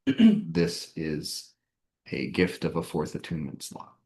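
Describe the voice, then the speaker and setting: A man running a tabletop game as game master, narrating in a slow, halting way with many fillers. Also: deep voice, huge pitch swings, dark tone.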